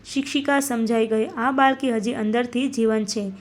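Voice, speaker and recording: A woman reading a scripted moral story in a steady, solemn narrating voice. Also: a little high, normal speed.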